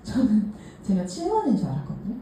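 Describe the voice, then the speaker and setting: A woman's voice: mid-range voice, huge pitch swings, fast, warm tone. A woman sharing her own story with a group, candid and laughing lightly as she talks. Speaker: case presenter at a workshop. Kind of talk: personal story talk to a group. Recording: echoey room, distant mic, faint hiss.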